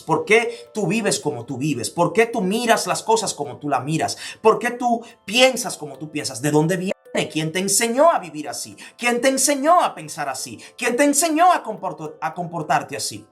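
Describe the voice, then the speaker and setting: A man's voice: a little high, fairly bright tone. A man from the Dominican Republic with a Dominican accent, giving a motivational talk. He fires off repeated rhetorical questions and drops to near-whispers for emphasis. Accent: Dominican Spanish. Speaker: motivational speaker.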